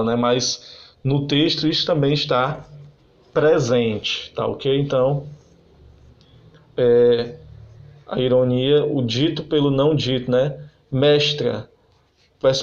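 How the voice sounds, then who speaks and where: A man's voice: medium pitch, lo-fi sound. A man teaching a lesson on figures of speech, explaining step by step and often checking in with tag questions.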